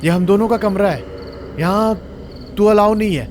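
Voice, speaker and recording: Male narrator plays a possessive, short-fused young woman student; pitch up, bite on every line. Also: normal speed, a little hiss or hum, close to an everyday voice. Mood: angry. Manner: sharp, scolding outburst. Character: young female college student, hot-tempered, possessive of her room.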